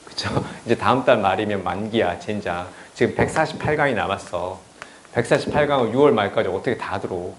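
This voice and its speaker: A fairly low-voiced man teaches an English lecture at a brisk pace, with slight background noise and a roomy echo. His style is casual, blunt and profane, and he regularly checks in with students by asking "right?".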